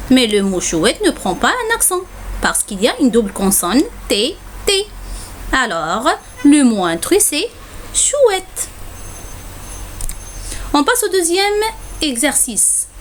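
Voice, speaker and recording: A woman teacher walks through a spelling lesson at an unhurried pace, her pitch rising and falling a lot. She spells out words one at a time and leans on "alors" as she explains. A faint hiss runs under the recording. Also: huge pitch swings. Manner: slow, careful dictation of single words; repeats "alors" often. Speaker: French teacher.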